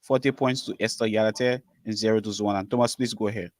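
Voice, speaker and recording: A man from Liberia announces quiz scores and questions in a mid-pitched, firm voice. The sound is close and dry with no room around it. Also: fairly even intonation, quick pace, no echo. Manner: firm, insistent. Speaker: quiz moderator.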